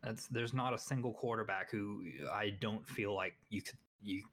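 Young male co-host, lower register, casual and opinionated, self-deprecating. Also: steady tone, normal speed, fairly bright tone, a little hiss or hum. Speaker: podcast co-host. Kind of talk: casual sports chat.

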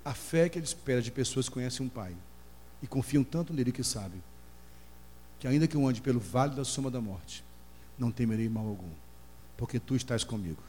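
A middle-aged Brazilian man preaching a sermon as pastor, telling an emotional story and crying out in high voices as he acts out the people in it. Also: expressive, brisk, long pauses, darkish tone. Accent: Brazilian Portuguese. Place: church hall. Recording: long hall reverb, faint hum.

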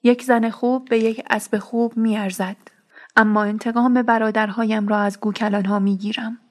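A woman's voice: on the high side, little pitch movement, a little mellow, natural voice. A woman reading as a cold, ruthless young warrior. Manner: cold, scornful, harsh.

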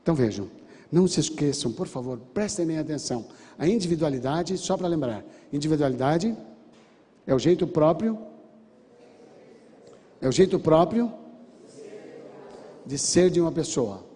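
A church counselor and speaker with a warm, animated voice on the high side gives a sermon-style lecture at a moderate pace, pausing often. He tells a counseling story, acting out the dialogue with emphatic repeated commands, and the recording has a long hall reverb.

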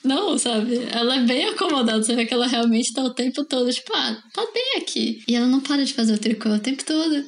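A woman in a casual film discussion, relaxed, with laughing asides and many fillers. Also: high-pitched, quick pace, few pauses.

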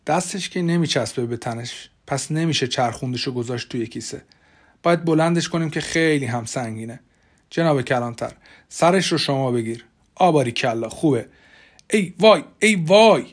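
A man's voice: mid-range voice, close to an everyday voice. A man voicing an old ambulance driver who mutters his words under his breath in an audiobook reading. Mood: muttering. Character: older male ambulance driver, weary, muttering.

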